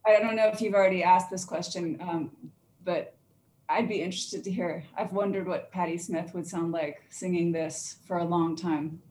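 A woman's voice: lowish voice, fairly even intonation, normal speed, darkish tone. A woman on a discussion panel who jumps eagerly into the conversation. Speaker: panel guest. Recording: roomy echo.

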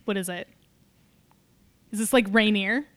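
Woman co-host, casual beer-tasting chat, smooth clear voice, dry close sound. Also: medium pitch, a little slow, no echo. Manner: relaxed, laughs often, tasting and reminiscing. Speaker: podcast co-host.

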